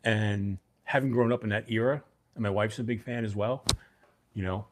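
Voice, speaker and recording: This middle-aged livestream host from Brooklyn has a fairly low voice with fairly even intonation and a moderate pace. His accent mixes New York and New Jersey, and in casual chat he rambles and replies to viewers by name.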